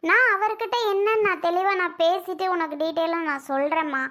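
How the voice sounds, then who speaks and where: A woman playing a gentle elder sister-in-law who pleads softly and tries to soothe. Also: extremely high pitch, fairly even intonation, fairly quick. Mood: pleading.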